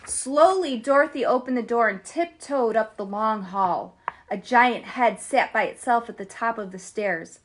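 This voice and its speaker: Animated woman reading stories to kids. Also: a little high, a little slow, slight background noise. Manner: animated and chatty, addresses viewers as "you guys". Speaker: children's story reader and host. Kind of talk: storybook read-aloud for kids.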